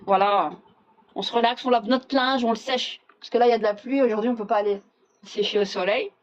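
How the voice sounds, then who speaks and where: A woman's voice: a little high, steady tone, brisk, dull audio. A woman hosting a casual live chat, talking bluntly and sarcastically, dropping Arabic phrases into her speech. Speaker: livestream host.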